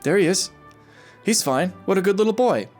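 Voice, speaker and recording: A woman giving casual gameplay commentary as a let's player, jokey and gushing, swinging between excitement and emotion. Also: mid-range voice, moderate pace, faint music behind. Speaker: let's play gamer.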